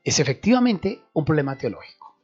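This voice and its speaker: Animated husky man teaching. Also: fairly high pitch, brisk. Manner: animated, explanatory, asks and answers himself. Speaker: Bible teacher on radio. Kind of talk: radio Bible teaching. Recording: dull radio recording with faint music.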